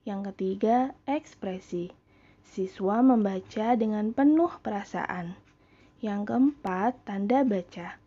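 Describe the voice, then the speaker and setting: A female teacher giving a recorded lesson for children, in a slow, clear, explanatory way. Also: a little high, mellow, lo-fi sound.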